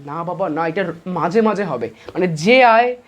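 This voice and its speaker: A man with a high, expressive voice takes his time teaching commerce in an online lesson. Casual and chatty, he calls his students guys and brother, quizzes them, and repeats each point before answering it himself.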